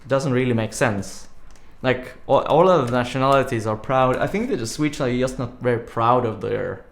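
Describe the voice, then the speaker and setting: Here a man with a mid-range voice chats casually on his live coding stream at a normal speed. He rambles, says "like" a lot, and laughs easily, all from an echoey room in his home.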